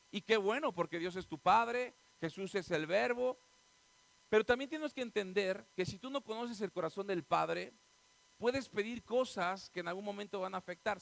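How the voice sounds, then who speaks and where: High-pitched gravelly pastor preaching. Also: male voice, low-quality recording. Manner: animated preaching, acting out quoted voices, swinging from loud to soft. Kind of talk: sermon.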